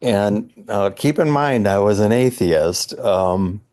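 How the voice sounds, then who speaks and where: A man, a psychologist guest on a podcast, earnestly recounting a personal spiritual experience, often halting and searching for words. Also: on the low side, lively intonation, darkish tone.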